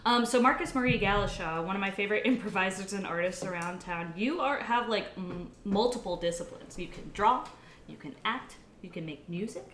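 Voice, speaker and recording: A woman's voice: medium pitch, brisk, fairly bright tone, a little hiss or hum. A young woman hosting a podcast in casual chat, teasing her guest and laughing often. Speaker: podcast host. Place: house room, indoors. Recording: roomy home room.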